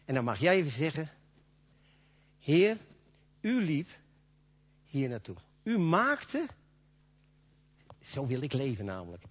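A man's voice: medium pitch, very animated, takes it slowly, long pauses, breathy edge. A man preaching a sermon in a folksy, conversational way, acting out little quoted dialogues. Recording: dull lo-fi recording.

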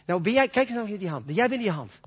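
A man's voice: high voice, very animated, quick pace, breathy edge. A man preaching a sermon in a folksy, conversational way, acting out little quoted dialogues. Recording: dull lo-fi recording.

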